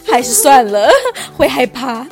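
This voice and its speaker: A woman's voice: high voice, slow pace, over music. A woman co-hosting a casual podcast chat, teasing her partner and murmuring along as she listens. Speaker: podcast co-host.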